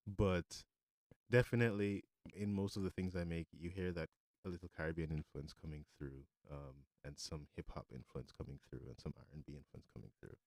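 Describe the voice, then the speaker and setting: A man from Jamaica, a musician, answering interview questions in a relaxed, thoughtful way with many fillers. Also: low voice, fairly quick, dry recording, studio quality. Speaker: musician guest.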